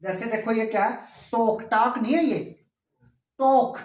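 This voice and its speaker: A man's voice: very high voice, normal speed, a little mellow. A male English teacher giving a classroom pronunciation lesson, patiently repeating words and spelling them out letter by letter. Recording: roomy, distant mic.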